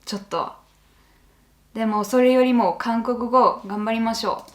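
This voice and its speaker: A woman's voice: on the high side, a little slow. A woman with a lilt chatting casually as she reacts to video clips, thinking aloud with many fillers.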